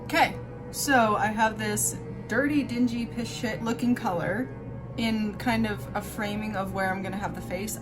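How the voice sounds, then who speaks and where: A woman with a mid-range voice hosts a makeup tutorial in a casual, chatty style, talking in an offhand, self-deprecating and informal way.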